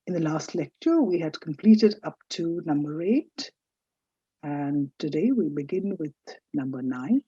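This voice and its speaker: A woman teaching French in a recorded lecture, saying each letter slowly and stressing its sound. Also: fairly low pitch, dark tone, breathy edge, no room sound, dull audio.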